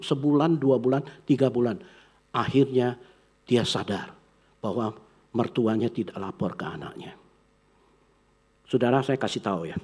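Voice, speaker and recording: A male pastor, telling a story in his sermon and acting out the characters' voices with big swings in pitch. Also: a little mellow, husky. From Indonesia.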